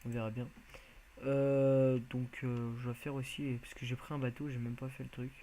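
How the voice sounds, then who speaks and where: A man's voice: mid-range voice, level tone, moderate pace, warm tone, rough recording. A man giving casual, rambling commentary as he plays a video game, hesitant and full of filler sounds. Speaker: video game let's player.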